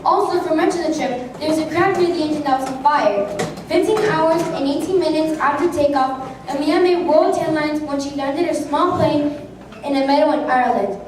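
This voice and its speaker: A woman's voice: high-pitched, normal speed. A woman reading scripted narration aloud for an amateur history play. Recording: very echoey hall, distant mic, faint noise.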